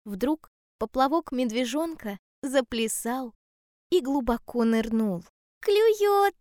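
A woman telling a children's story in a calm, gentle and measured way. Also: on the high side, no echo, studio quality.

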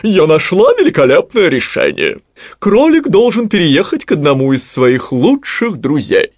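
A man's voice: on the high side, wildly swooping pitch, normal speed, no echo, studio quality, pitched above the performer's own voice. Man doing a grand wise old owl lady. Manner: declaiming, grand. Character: wise pompous female owl.

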